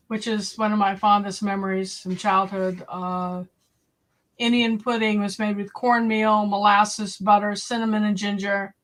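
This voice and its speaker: A woman from New England hosting a casual live stream, chatting with viewers and reading recipe lists aloud from an old cookbook. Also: medium pitch. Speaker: homestead channel host.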